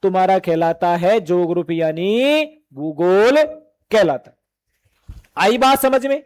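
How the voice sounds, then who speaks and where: Addressing exam students repeatedly as beta and bhai, a very high-voiced man poses questions and supplies the answers himself. His intonation is lively, his pace unhurried and his tone darkish.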